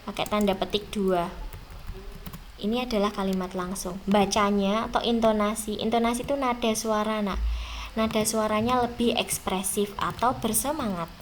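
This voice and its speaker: A woman's voice: medium pitch, fairly even intonation, a little hiss or hum. A young woman teaching an exam review lesson, speaking straight to her students and drawing out the words she stresses. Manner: slow, drawn-out stressed words, addressing students directly.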